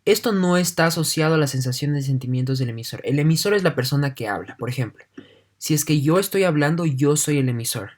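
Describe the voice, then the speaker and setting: A male teacher delivering a recorded online lesson. He reads each point aloud and then unpacks it in everyday words. He keeps checking in with his students in a steady, patient explaining manner. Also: on the high side, fast talker. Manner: leans heavily on "entonces" and checks in with "¿no?". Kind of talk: online class lecture.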